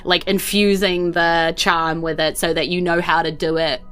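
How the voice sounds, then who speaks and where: A woman with a New Zealand accent narrates a tabletop game as game master, loose and conversational, hedging with "like" and "sort of." Her lowish voice is clear, resonant, and a bit bright, with little pitch movement at a normal speed.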